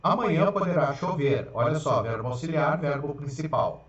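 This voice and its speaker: A man's voice: on the high side, moderate pace, recorded from a distance. A man teaching a grammar class in Brazilian-accented speech, explaining step by step and checking in with his students often. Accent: Brazilian Portuguese. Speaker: Portuguese teacher. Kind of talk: grammar lecture for exam prep. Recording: roomy, dull sound from off-mic.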